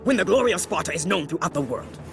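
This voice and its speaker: Kratos, angry Spartan warrior. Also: male voice, high-pitched, lively intonation, fast, vocal fry, faint music behind, exaggerated voice. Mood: defiant, angry. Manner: forceful, curt. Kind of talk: dramatic video game acting.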